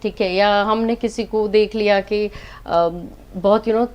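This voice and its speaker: A woman's voice: medium pitch, steady tone, slow, a little mellow, lo-fi sound. A woman, a doctor as interview guest, giving earnest advice and mixing Hindi with English phrases.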